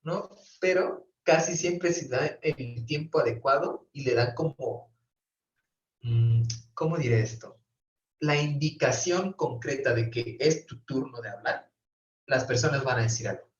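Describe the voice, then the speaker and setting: A man teaching a therapy class online, explaining step by step and often checking in with his students. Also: medium pitch. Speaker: professor teaching brief therapy. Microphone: computer mic on a video call. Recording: roomy, distant, dull video-call audio.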